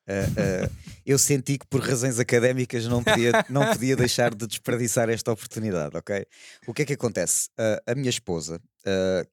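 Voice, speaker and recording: Lowish-voiced Portuguese man, hesitant podcast talk. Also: no echo, clean studio sound. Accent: European Portuguese. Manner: hesitant, meandering, tag questions. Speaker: podcast panelist. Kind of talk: casual chat.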